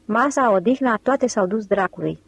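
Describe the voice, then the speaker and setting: A woman voicing a commanding, ironic male con-man leader who gives brisk orders in an audiobook. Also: medium pitch, gravelly, slightly rough, rough recording. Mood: irate. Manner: bossy, brisk.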